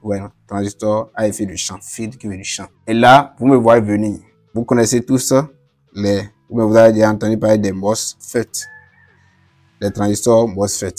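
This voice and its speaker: A man's voice: fairly low pitch, fairly even intonation, normal speed, a little mellow, soft background music. A man teaching an electronics lesson, explaining while he writes and tossing casual asides to viewers. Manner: apologizes for his English pronunciation. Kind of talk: whiteboard lesson.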